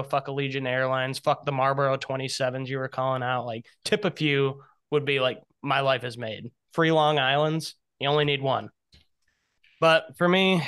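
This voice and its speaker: Young man, podcast co-host, casual banter, frequent laughs, smooth clear voice. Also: mid-range voice, bright, forceful tone. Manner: laughs often, joking banter. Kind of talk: casual chat.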